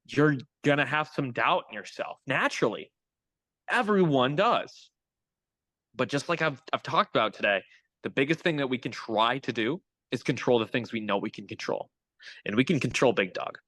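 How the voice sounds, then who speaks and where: A man's voice: medium pitch, animated, moderate pace, fairly bright tone, no echo, rough recording. A young adult man, a hitting coach, talking as a guest in a casual interview, upbeat and motivational. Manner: upbeat, motivational, pep-talk phrasing.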